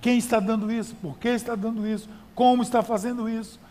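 A man's voice: very high-pitched, level tone, quick pace, mellow, in a large hall. A male pastor preaching a sermon in a conversational style, with rhetorical questions and emphatic repetition.

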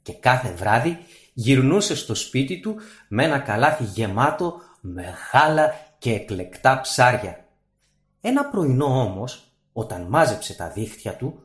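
A man narrating a fairy tale for radio in a dramatic, expressive way. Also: mid-range voice. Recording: roomy studio echo.

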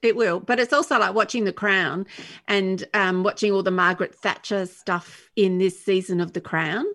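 An Australian woman co-hosting a casual podcast, lively and animated, often laughing as she tells a story. Her voice sits at an average pitch for a woman. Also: moderate pace. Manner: animated, laughs while telling stories. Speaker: podcast co-host. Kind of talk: casual chat.

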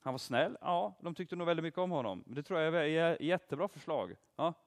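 A man giving an interactive Bible teaching, quizzing his listeners and praising their answers. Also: a little high. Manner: lively, asks the audience questions and praises answers. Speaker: preacher teaching a group.

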